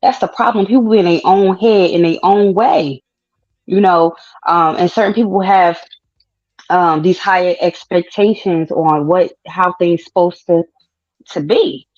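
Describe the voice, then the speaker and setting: A woman's voice: fairly low pitch, measured pace, a little mellow. Frank woman giving advice, dull lo-fi audio. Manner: frank, advising, conversational. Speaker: host. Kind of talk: casual advice chat.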